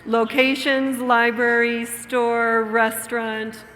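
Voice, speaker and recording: A woman's voice: on the high side, flat delivery, slow, a bit bright. A woman giving a conference lecture as a teacher educator, engaging her audience with questions and frequent tag "right?" checks. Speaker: plenary speaker and teacher educator. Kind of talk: conference lecture with a read-aloud story. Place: large conference hall. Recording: long hall reverb, faint room ambience.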